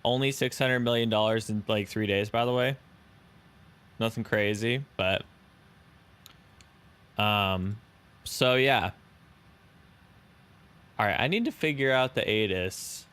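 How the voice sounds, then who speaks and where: A young man runs a live flight-simulator stream, chatting casually and thanking subscribers. He takes it slowly, leaves long pauses, and has a smooth, slightly bright voice on the low side.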